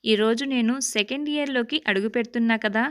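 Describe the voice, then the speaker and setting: A man's voice: very high voice, a little fast, a bit bright, clean tone. A woman voicing a shy young male college student who answers his older sister hesitantly. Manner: bashful, hesitant.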